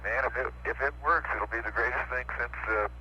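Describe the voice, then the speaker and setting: A laid-back, joking astronaut speaks over a muffled radio link, his voice cutting in and out so that words drop away mid-sentence. He sits at a middle pitch for a man, with faint static hissing under the dull, narrow sound of the transmission. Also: fairly quick, sharp tone. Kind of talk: casual radio chatter with ground control.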